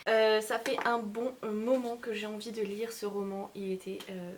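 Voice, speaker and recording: A woman vlogger chatting about books in a casual, unscripted way. She hesitates a lot, fills her pauses with sounds, and teases herself lightly. Her voice sits at a medium pitch, with a faint hiss behind it. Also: flat delivery. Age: adult mother of young children. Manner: hesitant, frequent filler sounds, self-mocking. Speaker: book vlogger. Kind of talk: casual chat about a reading list.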